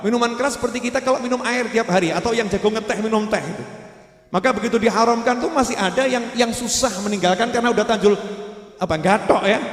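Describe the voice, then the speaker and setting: A man preaching a storytelling sermon, acting out the voices of the people in his stories. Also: sits high. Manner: lively storyteller who acts out quoted voices. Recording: echoey hall with long reverb.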